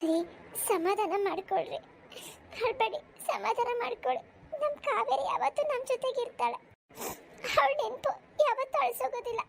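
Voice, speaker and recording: A woman voicing a gentle young wife who consoles and soothes her family in a cartoon. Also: extremely high pitch, normal speed, vocal fry, background noise. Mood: consoling. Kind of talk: cartoon voice acting.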